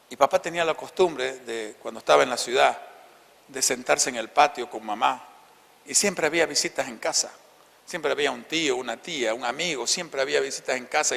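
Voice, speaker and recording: Gravelly fifty-something preacher, santa cruz bolivian accent, storytelling, goes soft and hushed, big echoey church hall. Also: male voice, medium pitch. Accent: Bolivian Spanish, Santa Cruz. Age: 50s. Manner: storytelling, dropping to soft, hushed tones for tender passages. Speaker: pastor. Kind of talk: sermon.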